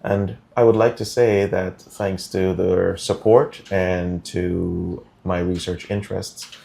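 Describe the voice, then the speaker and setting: A middle-aged man from Guyana, speaking as an interview guest in a measured, deliberate way with frequent ums. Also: sits low, flat delivery, creaky, warm tone. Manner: measured, deliberate, many um fillers. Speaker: interview guest, food policy director. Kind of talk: studio interview.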